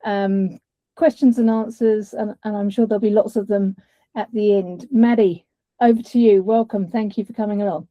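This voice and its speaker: A woman's voice: medium pitch, fairly even intonation, moderate pace, no room sound, lo-fi sound. A woman with a New Zealand accent, informally introducing an online event as its host. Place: indoors on an online call.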